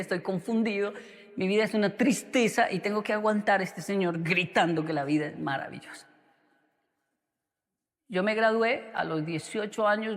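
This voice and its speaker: A man preaching a sermon, telling a story in an animated way. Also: high-pitched, long reverb tail. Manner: animated, acts out quotes. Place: church.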